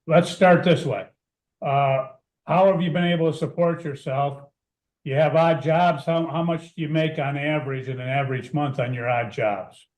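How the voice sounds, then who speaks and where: A man's voice: fairly high pitch, fairly even intonation, moderate pace, darkish tone. A man speaking as a judge in formal court proceedings, putting questions in procedural, formulaic wording, with a roomy echo. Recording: roomy, echoing sound.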